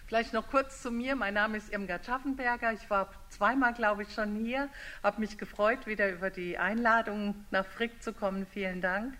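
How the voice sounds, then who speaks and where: An older woman from Germany, a theology lecturer, giving an informal, lively public talk and reading a picture book aloud in a storyteller's rhythm. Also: mid-range voice.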